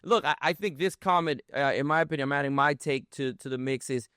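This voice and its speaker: A man hosting a political talk show, speaking in a measured, hedging way. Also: on the high side, fairly bright tone, smooth, dry recording, clean studio sound. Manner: measured, hedging with fillers and restarts. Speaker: show host.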